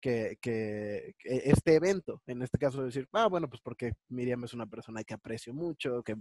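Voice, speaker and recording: A man in a casual conversation, reflecting out loud and working through examples. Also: mid-range voice, animated, normal speed, dry recording.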